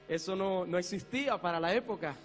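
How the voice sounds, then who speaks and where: A fervent male pastor tells his testimony in a high, bright voice. He laughs easily and keeps adding amens and praises. His voice rings through a reverberant church hall over soft music. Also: a little slow.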